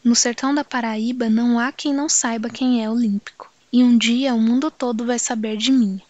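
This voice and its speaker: A man's voice: very high voice, fairly even intonation, normal speed, no echo, highs cut off. Woman narrator doing impatient braggart young man, dismissive, dry close audiobook sound. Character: boastful young male northeastern metalworker, impatient.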